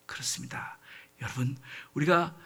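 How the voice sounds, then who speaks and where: Male pastor preaching, high bright voice, earnest, talks right to the congregation. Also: moderate pace, husky, whispered. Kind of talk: sermon.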